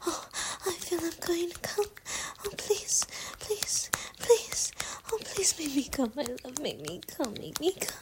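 Slow whispering woman, high and breathy. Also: sing-song. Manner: soft breathy whisper, intimate and pleading. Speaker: ASMR performer. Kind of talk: whispered adult ASMR roleplay. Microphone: close mic.

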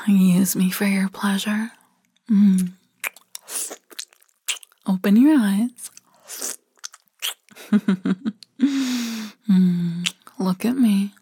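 A woman in an intimate ASMR roleplay, speaking in a soft murmuring whisper with hums and sighs. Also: mid-range voice, fairly even intonation, very slow, long pauses, slightly rough, dry recording, studio quality. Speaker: roleplay narrator.

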